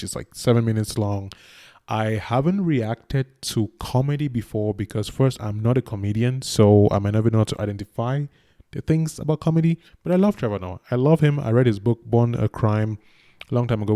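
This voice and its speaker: A man's voice: fairly low pitch, dark tone. A young man from Cameroon, hosting his YouTube channel with casual, self-deprecating reaction commentary. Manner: chatty, self-deprecating, talks to the viewer.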